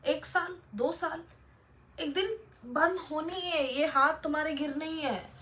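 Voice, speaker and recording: High-voiced blunt young woman vlogger. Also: unhurried, a bit bright. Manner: blunt, lecturing, addresses viewers directly. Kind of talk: motivational casual talk to camera.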